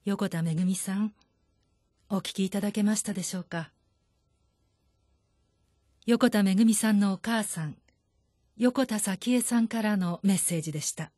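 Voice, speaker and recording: A woman radio announcer reading a formal, polite scripted broadcast announcement in a measured way. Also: mid-range voice, mellow, no echo, clean studio sound.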